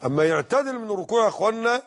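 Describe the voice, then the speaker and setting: Egyptian guy giving a religion lesson, highish voice, keeps correcting and scolding the crowd. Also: lively intonation, racing. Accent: Egyptian Arabic. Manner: corrects pronunciation by demonstrating, admonishing. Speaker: religious teacher. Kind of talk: religious lesson explaining hadith.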